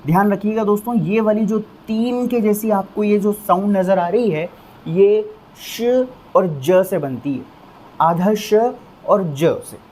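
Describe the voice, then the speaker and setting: A man teaching English vocabulary in Hindi, explaining patiently and drilling each word with slow repetitions. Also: high-pitched, darkish tone.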